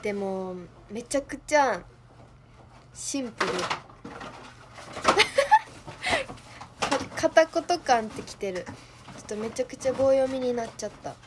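A woman's voice: on the high side, lively intonation, normal speed, background noise. A young woman with a Kansai accent, hosting a livestream in casual chat, playful and giggly, thinking aloud. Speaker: idol livestream host.

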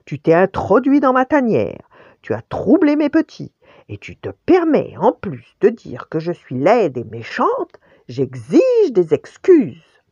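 A woman's voice: medium pitch, huge pitch swings, slow pace, a little mellow, slightly rough, dry recording, lo-fi sound, voice pushed up, exaggerated voice. A woman voicing a huge, stern mother bear who scolds and insists on good manners. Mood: indignant.

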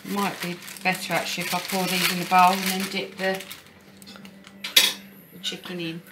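A woman's voice: lowish voice, level tone, normal speed, very noisy. Chatty woman cooking in a kitchen. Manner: chatty, encouraging, talks to viewers as "guys". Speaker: support worker. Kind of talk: home cooking demonstration. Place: home kitchen, indoors. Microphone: phone camera on the counter. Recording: home phone recording with kitchen clatter.

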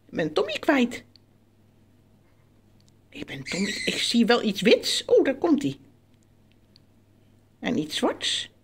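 A woman, chatting playfully to her pet birds, coaxing them in a sing-song way with high squeals of praise. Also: wildly swooping pitch, slow pace, pauses often, slightly rough. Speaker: pet bird owner filming her birds.

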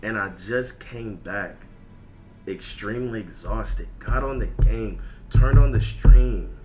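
A video game streamer chats casually on a livestream, ranting in profane, repetitive slang with music in the background. His voice is fairly low and he takes his time.

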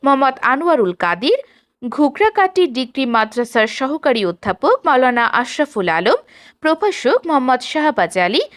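News voice-over: woman, high, animated pitch, formal reading. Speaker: news reporter.

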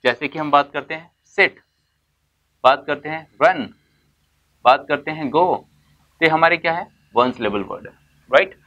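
In a muffled recording, a man with a fairly high, bright voice and forceful tone gives a classroom-style lesson on basic English terms. He uses Hindi alongside English words, answers the questions he raises, and stretches words out slowly for emphasis.

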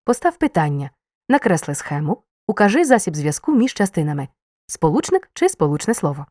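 A woman reading a scripted grammar lesson, explaining clearly and stressing key words. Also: lowish voice, very animated, a little fast, a little mellow, dry recording, studio quality. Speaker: teacher.

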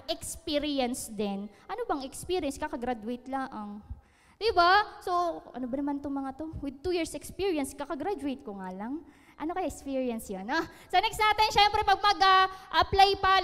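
A woman speaks to a room in a high, bright voice, teasing her listeners and laughing at her own jokes. Her words ring out with a long hall reverb behind them, as in a seminar space. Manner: joking, laughing, asks listeners questions. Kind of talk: lively seminar talk.

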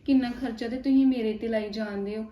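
A woman playing a meek young woman taken in by a family, speaking in a soft, humble, self-effacing way. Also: on the high side, steady tone, fast, a little hiss or hum, lightly acted. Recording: echoey, slightly dull, faint music.

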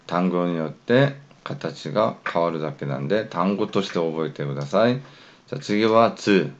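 Deep slow guy with a korean first language, patient teacher sounding out syllables, dull lo-fi audio. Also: expressive. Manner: patient, models syllables slowly one by one. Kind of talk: pronunciation lesson.

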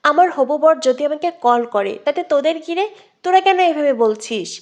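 A woman reading out the lines of a young bride who talks earnestly and gently to her friend. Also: high voice, lively intonation, normal speed.

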